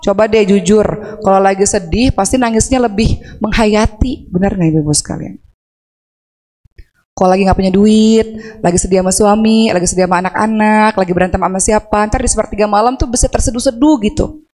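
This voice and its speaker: A woman's voice: medium pitch, a little fast, a little mellow. Woman preacher in a reverberant mosque. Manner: conversational, asks the audience questions; acts out anguished prayers in a raised voice. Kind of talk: religious talk to women. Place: large mosque hall. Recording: long hall reverb.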